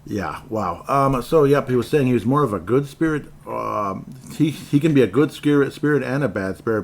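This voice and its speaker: Low-voiced man musing casually. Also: slight background noise. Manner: rambling, with fillers and restarts. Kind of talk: casual chat.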